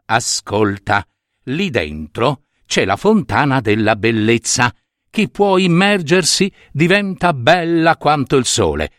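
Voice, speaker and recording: A wise old grandmother figure in a spoken fairy tale, as a male storyteller puts her on. She talks slowly and soothingly, and her voice dips low when she gives her careful instructions. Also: animated, fairly bright tone, no room sound, clean studio sound. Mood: gentle. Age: older. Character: kindly old woman, wise helper.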